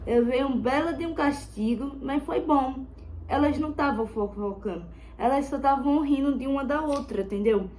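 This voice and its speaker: A woman's voice: sits high, moderate pace, a little mellow, slight background noise. A girl telling a story in a casual vlog while doing her makeup, rambling and repeating herself and calling out to her viewers again and again. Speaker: vlogger. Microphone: phone.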